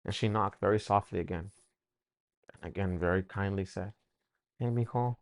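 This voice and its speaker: A man telling his personal faith testimony, emotional and halting, often repeating words as he speaks. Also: deep voice, flat delivery, creaky, dry recording.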